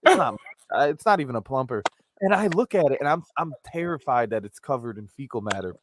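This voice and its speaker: A man rambles through a joking, casual live show as host, his pitch swinging in an animated way. His p sounds pop on the mic, and there are clicks and faint noise behind him. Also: brisk. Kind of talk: casual comedic live chat, reading viewer comments.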